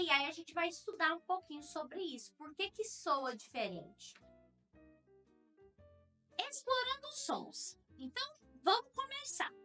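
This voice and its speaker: High bright-voiced Central-West Brazilian teacher. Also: female voice. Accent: Central-West Brazilian Portuguese. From Goiás, Brazil. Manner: patient, explains step by step with frequent "né" and "então". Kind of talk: online class explanation.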